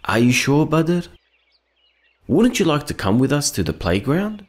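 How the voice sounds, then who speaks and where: A man's voice: fairly high pitch, sing-song, a little slow. A man voicing a kind, wise cartoon friend who guides children in an earnest, encouraging, instructive way. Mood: caring. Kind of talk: children's educational cartoon acting.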